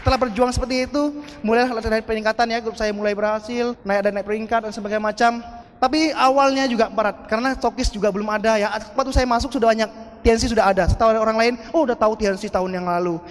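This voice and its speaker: Motivational speaker, man, very high voice, long hall echo, animated and audience-directed. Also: quick pace, faint music behind. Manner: animated, addresses the audience as "Pak" and asks "betul nggak?". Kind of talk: motivational seminar talk.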